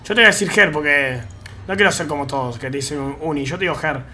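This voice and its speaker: Bright, high-voiced Argentine streamer guy. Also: quick pace, a little hiss or hum. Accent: Argentine Rioplatense Spanish. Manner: slangy, chatty, talks to chat while gaming. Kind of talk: casual live-stream chat. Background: faint game music.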